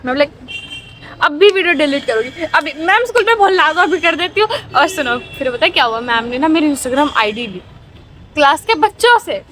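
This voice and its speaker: Chatty teenage girl, high-pitched storytime vlog. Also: sing-song, normal speed, sharp tone. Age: teens. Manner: chatty, dramatic, frequent "theek hai" fillers. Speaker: vlogger.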